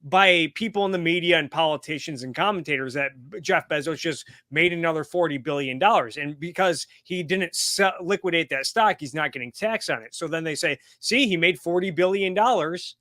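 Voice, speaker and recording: A man's voice: a little high, fairly quick, few pauses, pushed and bright, no echo, studio quality. A man hosting a casual political chat, blunt, reading out tweets. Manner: blunt, reads tweets aloud. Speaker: host.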